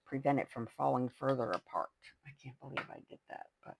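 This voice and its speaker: A woman's voice: a bass voice, fairly quick, slight background noise, low-quality recording. An older woman hosting a craft video, chatting casually and rambling to herself as she works. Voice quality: gravelly, husky. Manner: chatty, rambling, talks to herself while working. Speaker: craft channel host.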